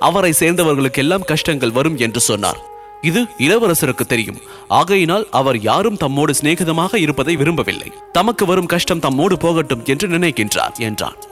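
A man reading a historical novel aloud as an audiobook narrator, voicing the dialogue with lively storytelling and dropping low and soft on the speech tags. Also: brisk, soft background music.

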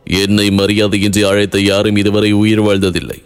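A man voicing a young male sea commander who is calm, fearless and boastful, making cool, self-assured threats. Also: on the low side, moderate pace, smooth, faint music behind, close to an everyday voice. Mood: calm, confident.

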